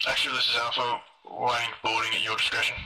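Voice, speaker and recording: A man's voice: medium pitch, level tone, quick pace, bright, forceful tone. A man giving clipped military radio callouts in game roleplay over a crackly radio with clicks. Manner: clipped radio-procedure delivery.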